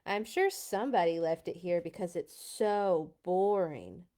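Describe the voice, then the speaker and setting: A woman's voice: lowish voice, unhurried, warm tone. A woman voicing a bored, skeptical young boy in a storybook read-aloud.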